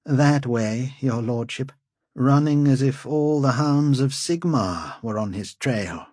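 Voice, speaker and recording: A man's voice: mid-range voice, slow pace, darkish tone, slightly rough, no echo, studio quality, pitched above the performer's own voice. A man voicing a sly male companion who fawns on nobles, obsequious and wry.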